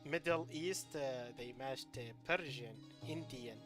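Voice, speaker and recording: A man's voice: on the high side, a little slow. A man from Iraq streaming a game, talking in a rambling, hesitant way with many fillers. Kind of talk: live gameplay commentary. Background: game music.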